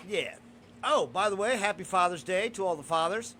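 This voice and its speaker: A man's voice: high-pitched, lively intonation, moderate pace, sharp tone, slight background noise. A man hosting a casual podcast, talking in a blunt, profane, opinionated way. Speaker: podcast host.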